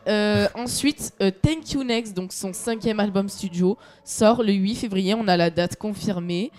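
A woman's voice: mid-range voice, measured pace, darkish tone. A young woman co-hosting a casual radio show, chatty and giggly, often tripping over her words.

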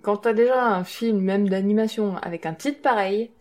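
A woman's voice: medium pitch, normal speed, darkish tone. A woman on a panel in a casual film discussion, explaining things informally with hesitant phrasing. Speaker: podcast panelist, teacher.

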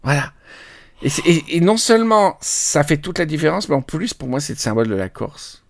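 A man hosting a podcast, chatting casually and telling an animated story, imitating how place names are pronounced. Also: a little high, normal speed, vocal fry. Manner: animated storytelling, mimics pronunciations. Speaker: podcast host. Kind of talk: casual chat.

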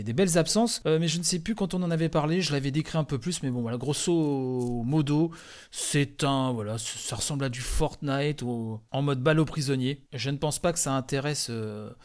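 A man hosting, chatting loosely with many fillers as he comments a live game showcase. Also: fairly high pitch.

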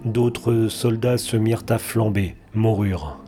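A male narrator gives a dramatic audiobook reading of a dark story, slow and deliberate with long pauses. His voice is low and mellow, and faint music plays behind him. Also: fairly even intonation. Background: faint background music.

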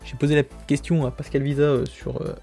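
A man's voice: fairly high pitch, little pitch movement, a little fast, gravelly, mellow, soft background music. A man hosting a podcast, running through a casual news roundup with chatty, self-mocking asides and frequent fillers. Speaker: podcast host.

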